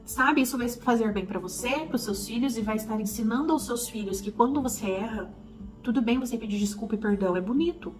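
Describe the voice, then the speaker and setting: Heartfelt mom chatting to camera. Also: female voice, on the high side, brisk, faint music behind, rough recording. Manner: heartfelt, confiding, calls the viewers "gente". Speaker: parenting vlogger. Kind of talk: casual chat to the camera.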